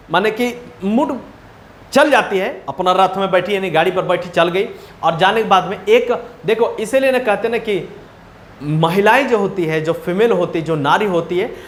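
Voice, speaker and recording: A man's voice: high voice, a bit bright, reverberant. A man teaching a class, retelling a story in a chatty way and often asking whether the students follow. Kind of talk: storytelling lesson retelling a chapter.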